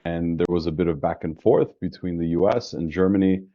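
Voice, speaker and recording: This guest is a deep-voiced man from the New York metropolitan area who founded an insurance business. Fairly quick and relaxed, he talks freely with frequent restarts in a casual interview, recorded dry with the highs cut off.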